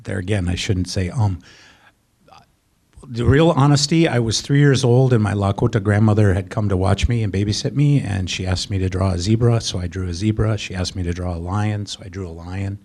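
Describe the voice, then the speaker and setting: A middle-aged man telling a personal story as a panel guest, soft-spoken and halting with many fillers. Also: on the low side.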